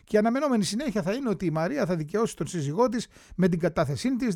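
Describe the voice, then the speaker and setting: A man's voice: sits high, a little mellow, dry recording, clean studio sound. A man reading an old newspaper story aloud, acting out the quotes and dropping wry, chatty asides to his listeners.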